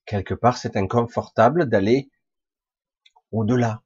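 A man with a hoarse, husky, chesty voice recovering from a cough, giving a rambling, blunt, informal monologue to his followers, with casual swearing. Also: lowish voice, unhurried, no room sound, lo-fi sound. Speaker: spiritual vlogger speaking to followers.

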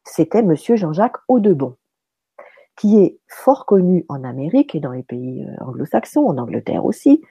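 Woman, storytelling medium, lively pitch, husky, dry close sound. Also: moderate pace, no room sound. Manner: animated, many fillers and restarts. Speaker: medium teaching soul passage. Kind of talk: casual storytelling chat.

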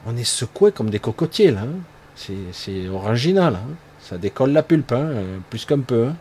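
Rambling through a monologue on spiritual growth, this man speaks at medium pitch and normal speed in a sing-song, darkish voice. Fillers and tag words pile up, and a little hiss or hum sits under the recording.

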